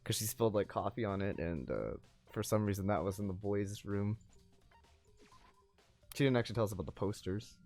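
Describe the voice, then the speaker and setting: A man with a lowish, slightly mellow voice talks a little fast with long pauses while soft music plays in the background. He is casually bantering with a friend as they watch a video game, joking, laughing often and wandering off on asides in let's-play style.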